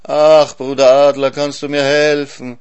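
A man's voice: fairly low pitch, expressive, moderate pace, close to an everyday voice. A man voicing a greedy, moaning male hyena in a storybook reading, with a plaintive, pleading tone.

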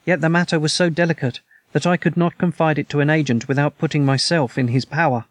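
A man's voice: a little high, fairly even intonation, fast talker, dry recording, natural voice. A man reading a proud masked king. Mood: formal. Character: masked noble male king, proud, agitated client.

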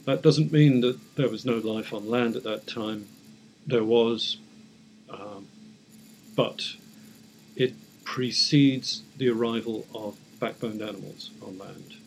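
A man speaking as an academic expert in an interview, explaining off the cuff in measured, hesitant short phrases. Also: medium pitch, vocal fry, a little mellow, a little hiss or hum, low-quality recording. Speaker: academic paleontologist, interview guest.

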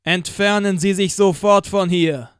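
A man voicing a commanding police loudspeaker in an audiobook, stern and loud. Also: sits high, steady tone, measured pace, clean tone, dry recording, clean studio sound, pitched above the performer's own voice.

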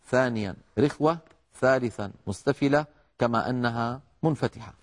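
A middle-aged man teaching the articulation of letters in a measured, explanatory lecture, addressing his listeners as brothers. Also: mid-range voice. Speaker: Quran recitation teacher.

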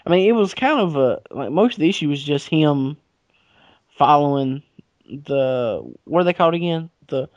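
A man's voice: fairly high pitch, lively intonation, moderate pace, dry recording, lo-fi sound. A man casually chatting about comics with a friend, rambling and joking with lots of fillers. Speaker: comic book podcast co-host. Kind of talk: casual chat.

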